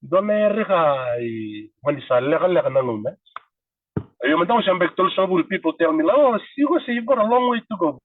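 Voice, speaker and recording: A man's voice: high-pitched, expressive, a little fast, slight background noise. Fijian man on a tinny distant line. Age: 30s. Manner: earnest, switching between languages. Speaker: podcast guest. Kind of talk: casual chat.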